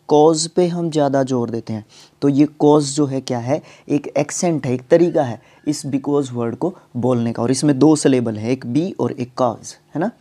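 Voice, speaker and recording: A man teaching English vocabulary in Hindi, with many fillers and restarts, reading the English examples slowly, word by word. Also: medium pitch, mellow. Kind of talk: vocabulary lesson.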